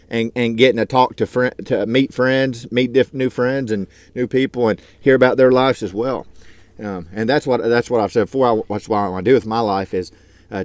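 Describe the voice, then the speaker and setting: This thirtysomething man, a YouTuber who drives trucks, chats to his vlog from the cab in an earnest, rambling way, leaning on lots of fillers. His voice runs fairly low and slightly mellow, with no room sound in the recording.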